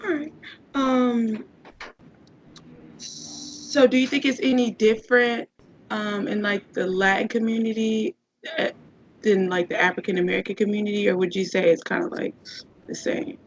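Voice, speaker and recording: A woman's voice: mid-range voice, little pitch movement, normal speed, a little hiss or hum, rough recording. A woman hosting a podcast, asking questions hesitantly with many ums. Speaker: podcast host. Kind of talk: interview questions.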